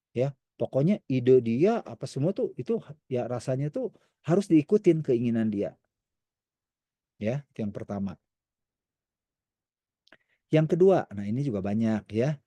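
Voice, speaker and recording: Warm conversational male church speaker. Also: mid-range voice, dry recording. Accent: Indonesian. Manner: conversational, acts out quoted voices, frequent "ya". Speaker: counselor speaking at a women's fellowship. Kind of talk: church teaching talk.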